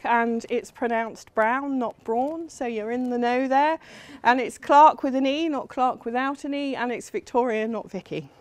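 Woman lecturer from England, middle-aged, slightly high voice, chatty, lots of ums, dry close sound. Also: clean tone, no room sound. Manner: chatty, self-deprecating, frequent ums. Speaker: university lecturer. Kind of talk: academic lecture.

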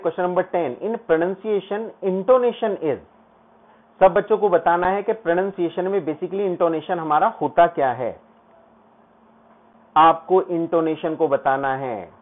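Man teaching over a tinny stream. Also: high-pitched. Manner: reads English quiz questions slowly, then explains in Hindi; praises students by name. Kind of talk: live online exam-prep class. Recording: tinny phone-like online stream.

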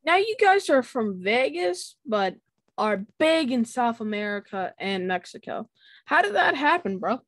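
A host interviewing a guest in a casual, joking, slangy way, teasing and trading banter. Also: female voice, fairly high pitch, sing-song, measured pace, no room sound.

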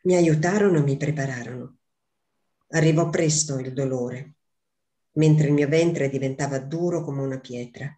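A woman reading aloud as a young mother grieving her lost newborn, in a slow, measured literary reading. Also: a bass voice, dark tone. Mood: sorrowful.

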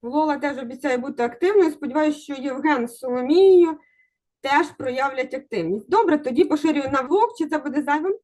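A woman's voice: sits high, brisk, dark tone. A woman teaching an online exam-prep lesson over a video call, encouraging and coaxing her students to answer.

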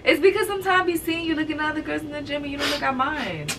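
A woman's voice: high voice, racing, far from the mic, a crowd in the background. A woman in playful couple banter, giggling and fishing for praise from her partner. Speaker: co-host of couple channel.

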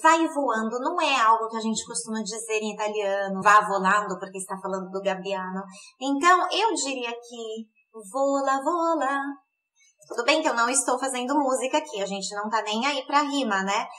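A woman teaching an online Italian lesson in Portuguese, slowly repeating words for pronunciation. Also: fairly high pitch, sharp tone, low-quality recording.

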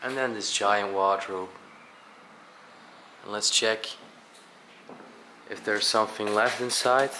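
Bright-voiced young man exploring ruins. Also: fairly low pitch, steady tone, slow pace, pauses often, slight background noise, poor audio. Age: young adult. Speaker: urban explorer, co-host. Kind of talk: casual exploration vlog commentary. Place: large abandoned mansion, indoors.

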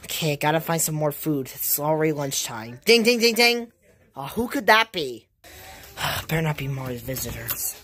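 A woman's voice: low voice, sing-song, normal speed, fairly bright tone, slightly rough, voice pushed down, exaggerated voice. A woman playing suspicious, grumpy Luigi. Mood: grumbling. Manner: suspicious, bossy questioning. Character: grumpy, suspicious younger brother plumber, a man. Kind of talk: homemade plush toy skit.

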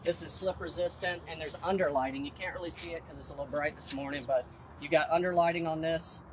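A man in his thirties, a manufacturer representative, confidently details product features outdoors at a vehicle lot in a sales manner. His voice is a little high and steady, and he talks fast. The audio is poor, with some hiss or hum.

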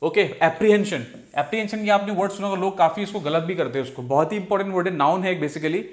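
Indian male vocab tutor, higher voice, Hindi-English mix, drawls definitions, constant "okay" check-ins. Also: fast talker. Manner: keeps saying "theek hai" and "okay". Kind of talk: explaining vocabulary from slides.

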